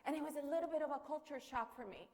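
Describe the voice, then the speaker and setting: Speaking rapid-fire in a reverberant conference hall, a high-voiced keynote speaker from Colombia, a native Spanish speaker, entertains with animated stories, jokes and rhetorical questions.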